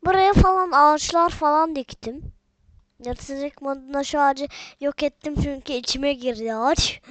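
A woman's voice: sits high, no echo. A woman giving casual, chatty gameplay commentary from home, often addressing viewers as friends. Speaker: gaming video maker.

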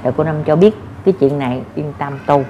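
A woman gives spiritual advice in a casual talk, calmly reassuring her listeners and repeating her points in a homely way. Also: low voice, fast, background noise. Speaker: spiritual adviser.

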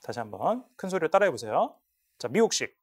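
Animated male English lecturer. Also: a little high, brisk, husky. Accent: Korean. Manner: animated, repeats words to model pronunciation. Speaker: English test instructor. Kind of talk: lecture explaining listening questions.

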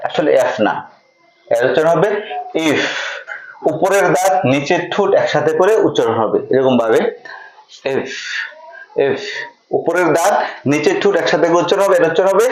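A man with a slightly high voice teaches a classroom lesson, drilling each point by asking a question and then answering it himself. His voice rings in an echoey room. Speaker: English pronunciation teacher.

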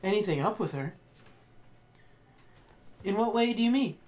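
A man voicing a poised, smug high-school girl during a let's play. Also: lively intonation, normal speed, darkish tone, slight background noise.

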